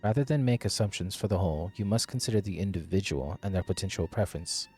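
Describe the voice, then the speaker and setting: A man voicing a courteous, gentle scholar from a fantasy game, formal and measured with archaic wording. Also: deep voice, husky, faint music behind. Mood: gentle, advising. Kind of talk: character voice reading game dialogue.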